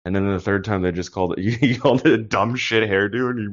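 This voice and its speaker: A man's voice: fairly low pitch, fast talker. A man in casual chat, telling examples in a laid-back way. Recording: dull lo-fi sound.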